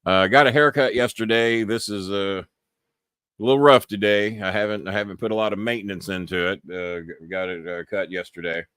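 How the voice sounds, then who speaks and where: A middle-aged American man with a lowish voice talks on his live show, loose and rambling, cursing bluntly as he drifts between topics. His voice is recorded up close in a dry, dead-sounding room. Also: fairly even intonation, brisk, fairly bright tone, smooth, dry recording. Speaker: podcast host. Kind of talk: casual live-stream monologue.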